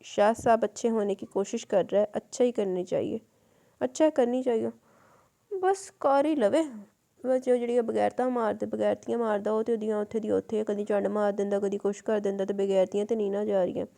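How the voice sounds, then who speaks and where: Mellow-voiced woman reading a novel. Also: medium pitch, normal speed, vocal fry. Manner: chatty, relaxed with fillers. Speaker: novel reader and channel host. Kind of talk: audiobook narration and comment reading.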